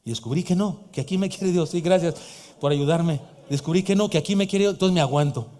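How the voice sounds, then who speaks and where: Emphatic Mexican pastor in echoing church. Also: male voice, on the high side, fast, warm tone. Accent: Mexican Spanish. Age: 50s. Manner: emphatic preacher, joking asides to the congregation. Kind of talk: sermon. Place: church hall. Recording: long hall reverb of a church.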